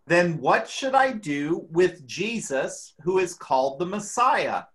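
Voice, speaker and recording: Slow bible reader doing a dramatic reading, mid pitch, really expressive. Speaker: church reader.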